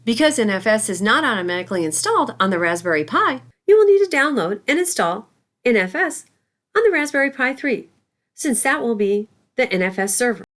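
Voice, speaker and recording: Speaking a little fast, a woman narrates a scripted lesson and carefully breaks it down step by step. Her voice sits on the higher side and has a lively, up-and-down movement.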